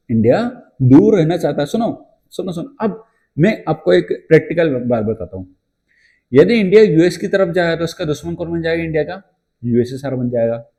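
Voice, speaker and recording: A male teacher giving an exam-prep lecture in a chatty storytelling way. He asks his class questions and answers them himself, and he reads English textbook lines slowly. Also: on the high side, vocal fry, dark tone.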